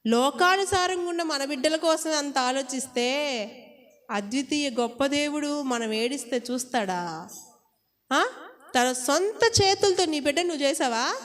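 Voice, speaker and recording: A woman with a high voice preaches an impassioned sermon, throwing question after question at her listeners. Her voice rings out with a long reverb, as if she is speaking in a large hall. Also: animated, a little slow. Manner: impassioned, asks the congregation many rhetorical questions.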